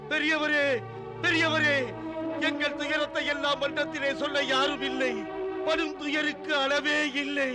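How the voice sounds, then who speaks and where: Village father: desperate, indignant plea, high voice, music bed. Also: little pitch movement, measured pace. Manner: pleading, indignant. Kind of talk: dubbed mythological TV drama.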